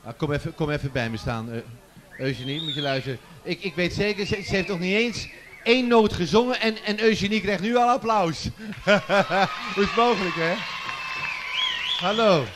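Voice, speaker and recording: Onstage in a large festival tent, a man hosts a children's song contest, joking, chatting and teasing the audience into a handheld microphone. His voice sits high and he talks at a moderate pace over a noisy background.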